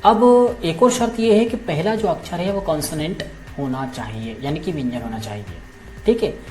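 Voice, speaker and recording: A male teacher walks through a grammar lesson step by step, patient and repetitive, pausing often to check in with his students. He circles back to each key point before moving on. Soft music plays faintly under his voice. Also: fairly high pitch, expressive. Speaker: English teacher.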